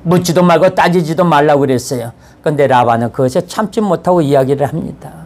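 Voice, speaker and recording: Pastor guy preaching, pretty high voice, chatty, acts out the story bits. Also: fast talker, a little mellow. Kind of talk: sermon.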